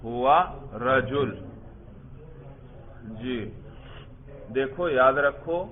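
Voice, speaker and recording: A male teacher giving a classroom grammar lesson, quizzing students step by step and praising their answers. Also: mid-range voice. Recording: tinny phone-like sound.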